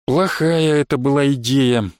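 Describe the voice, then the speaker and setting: A man's voice: mid-range voice, unhurried, no room sound. Man narrating an audiobook, dry close sound. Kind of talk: first-person audiobook narration.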